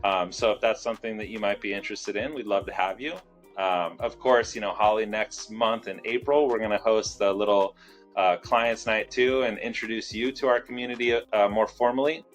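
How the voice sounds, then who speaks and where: A man's voice: fairly low pitch, moderate pace, muffled recording, faint music behind. A man from Southern California, a fitness studio owner talking casually as a guest in an interview, with lots of fillers. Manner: relaxed, many fillers.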